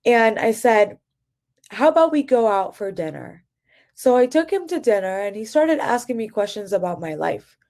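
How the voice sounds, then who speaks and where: A woman's voice: fairly high pitch, sing-song, moderate pace, a little mellow. A woman speaker telling a heartfelt personal story in a conversational way, with fillers and moments where she chokes up. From United States. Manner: emotional, chokes up while telling her story; conversational, many fillers and retold dialogue. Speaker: conference speaker.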